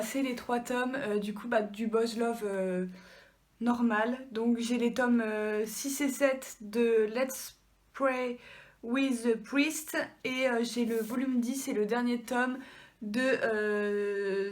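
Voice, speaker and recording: A woman's voice: fairly high pitch, a little hiss or hum. A young woman, chatting casually through a manga unboxing, full of fillers and frank, informal remarks. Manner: chatty, many fillers like euh and du coup; frank and informal, mild swearing. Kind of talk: casual haul video chat. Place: home room.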